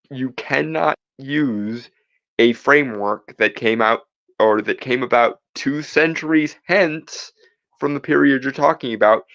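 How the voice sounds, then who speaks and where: A man's voice: mid-range voice, gravelly, a bit bright, no echo, lo-fi sound. A man co-hosting a podcast, lecturing emphatically and rebutting a reading, restarting phrases as he argues. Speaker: podcast co-host. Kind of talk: argumentative commentary.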